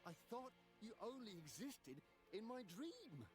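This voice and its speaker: A man's voice: a little high, very animated, measured pace, music in the background, voice pushed up. A man voicing a reluctant, hot-tempered young male Viking in a game story. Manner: pleading, then demanding.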